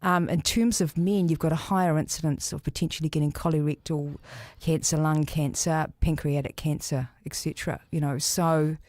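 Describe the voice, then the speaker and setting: A woman's voice: low voice, steady tone, moderate pace, hardly any pauses, darkish tone, dry recording. A woman in her fifties, a guest giving practical, encouraging advice in an interview and affirming the host often. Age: 50s. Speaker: divorce service founder, guest.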